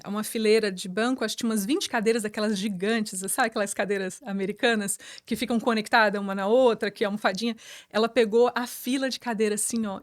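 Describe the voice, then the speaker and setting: A woman's voice: fairly high pitch, no room sound, clean studio sound. Brazilian woman pastor telling a story. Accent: Brazilian Portuguese. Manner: lively, chatty, many fillers and restarts. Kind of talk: testimony storytelling.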